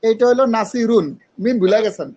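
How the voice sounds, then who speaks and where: Male grammar teacher, high pitched, patient and questioning, muffled online-class sound. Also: fairly quick, mellow. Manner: patient, questioning students, mixes English terms.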